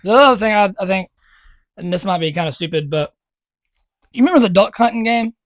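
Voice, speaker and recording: A man's voice: high voice, expressive, brisk, no echo, studio quality. A man co-hosting a casual podcast, ranting with lots of swearing and laughter. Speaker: podcast co-host. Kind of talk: casual chat.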